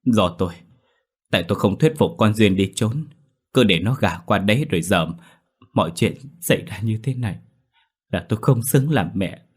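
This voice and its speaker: A man's voice: low-pitched, a little fast, husky. A man voicing a grieving elderly mother who pleads and weeps in a ghost story. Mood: wailing. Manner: tearful, pleading. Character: grieving old mother, wailing.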